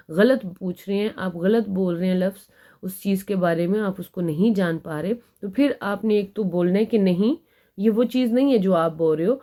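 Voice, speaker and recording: A woman teaching an Arabic grammar lesson, patiently explaining and reading example sentences slowly before translating them. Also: mid-range voice, a little mellow.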